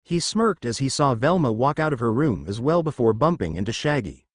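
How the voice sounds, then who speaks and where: A man's voice: mid-range voice, brisk, dry recording, studio quality. Man reading a fan story aloud. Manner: steady read-aloud storytelling. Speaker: story narrator. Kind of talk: scripted narration.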